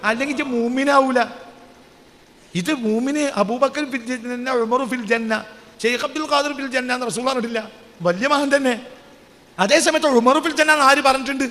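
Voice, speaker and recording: High, sharp-voiced Malayali preacher in a hall. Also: male voice, moderate pace. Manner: rhetorical questions to the audience, swings from soft to shouting. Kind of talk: religious sermon.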